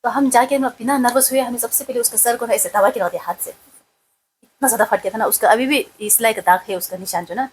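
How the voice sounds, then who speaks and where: A woman with a fairly high voice tells a family story, rambling and emotional, leaning heavily on fillers. A faint noise sits under her voice, along with some ambient room sound. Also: fast, rough recording. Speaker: wife of the vlogger. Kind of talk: casual storytelling.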